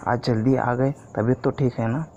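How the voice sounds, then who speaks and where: A man's voice: medium pitch, fairly even intonation, normal speed, mellow, natural voice. Fields: Figure: anxious fussing mother, read by a man. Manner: questioning. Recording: lo-fi. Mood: worried. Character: worried fussing middle-aged mother. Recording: dull lo-fi recording, faint hiss.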